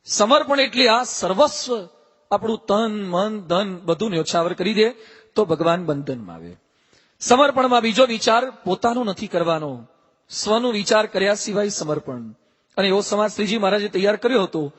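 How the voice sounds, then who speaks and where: High-voiced Gujarati monk preaching in a hall. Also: male voice, normal speed, breathy edge. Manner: animated storyteller acting out quoted voices. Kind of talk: storytelling sermon. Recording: long hall reverb.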